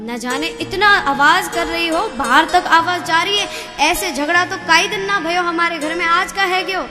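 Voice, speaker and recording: A woman's voice: very high-pitched, moderate pace. A woman voicing an exasperated elderly father-in-law who scolds and demands answers. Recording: reverberant hall with music.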